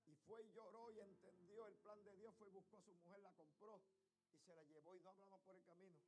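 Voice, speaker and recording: A man preaching a sermon in church, telling a story with passion and swinging from hushed tones to shouting. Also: high-pitched, fairly even intonation, fairly quick.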